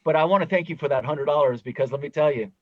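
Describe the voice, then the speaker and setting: A man's voice: a little high, fast talker, no echo. Earnest man on a dry, dull recording. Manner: earnest, reflective, grateful. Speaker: podcast host, musician. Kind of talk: casual conversational storytelling.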